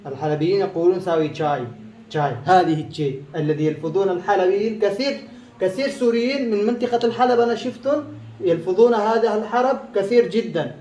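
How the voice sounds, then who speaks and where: High-voiced man teaching letters, echoey room. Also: dark tone. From Afghanistan. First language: Pashto. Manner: slow, repeats each letter sound several times, halting non-native phrasing. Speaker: language teacher. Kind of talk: informal language lesson.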